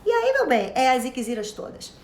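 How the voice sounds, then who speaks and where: A woman's voice: high-pitched, huge pitch swings, brisk, darkish tone, reverberant. A woman with a Brazilian Portuguese accent giving an informal self-help lecture, chatty and theatrical, calling her listeners love and dear.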